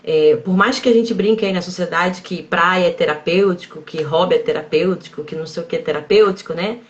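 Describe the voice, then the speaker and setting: Woman psychologist talking it through, measured and explanatory, kinda dull lo-fi audio. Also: on the low side. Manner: measured, explanatory, frequent tag questions. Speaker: psychologist guest. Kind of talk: live-stream conversation.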